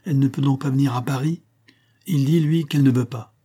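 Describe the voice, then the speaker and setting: A man's voice: brisk, slightly rough, lightly acted. Earnest lonely little boy, as a man puts him on. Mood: pleading. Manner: raised childlike pitch, pleading and lively.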